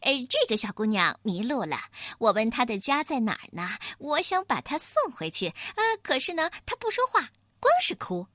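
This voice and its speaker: A woman's voice: on the high side, very animated, normal speed, few pauses, a bit bright, no echo, clean studio sound. Woman doing a sly fawning gorilla bandit. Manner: fawning, hesitant, full of fillers.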